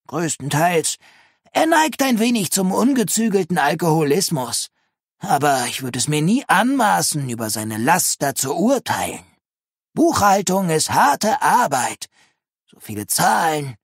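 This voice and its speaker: An audiobook narrator voicing a nosy, pipe-smoking old woman who mocks her neighbor in a raised, croaky voice. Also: medium pitch, big pitch swings, unhurried, no room sound, studio quality, pitched above the performer's own voice, heavily acted. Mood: snide. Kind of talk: audiobook reading.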